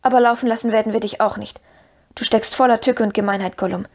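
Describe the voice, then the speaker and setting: A woman voicing an earnest male hobbit in an audiobook, calm and firm. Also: a little high, quick pace. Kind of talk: audiobook reading.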